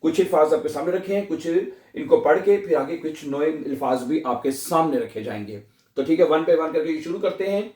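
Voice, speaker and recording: Male language teacher, high-pitched, drills words slowly; roomy echo, mic set back. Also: expressive, darkish tone. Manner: drills words slowly, syllable by syllable, with many repetitions. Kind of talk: pronunciation lesson. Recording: echoey room, mic at a distance.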